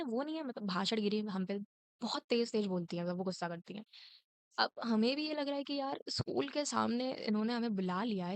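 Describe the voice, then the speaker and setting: A woman in her late teens telling a school story in a casual, indignant way, switching between Hindi and English and mimicking a scolding teacher in sharp raised lines. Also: mid-range voice, dry recording.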